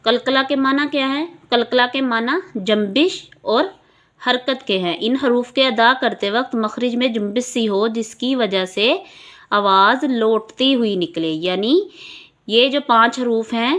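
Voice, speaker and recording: A woman's voice: a little high, a bit bright. Patient woman teaching Quran recitation. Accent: Pakistani Urdu. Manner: patient, repeats syllables slowly for learners to follow.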